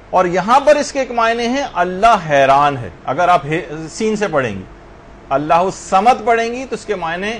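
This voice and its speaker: A man with a fairly high voice teaches a class on correct prayer recitation. He explains each point patiently and carefully sounds out example words. Faint noise hums behind him. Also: fairly bright tone. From Pakistan. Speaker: religious teacher.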